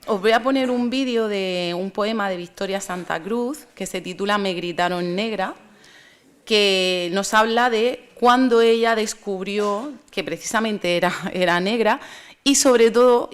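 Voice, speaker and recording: Woman giving a measured lecture. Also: medium pitch, clean tone. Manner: measured, thoughtful, with pauses and restarts. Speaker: conference speaker.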